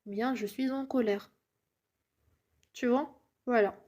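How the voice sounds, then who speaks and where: A woman's voice: fairly high pitch, steady tone, takes it slowly, a little mellow, lo-fi sound. A woman teaching French in a casual lesson, switching to Arabic to explain. She is patient and encouraging, often checks that the listener follows, and sometimes whispers to model pronunciation.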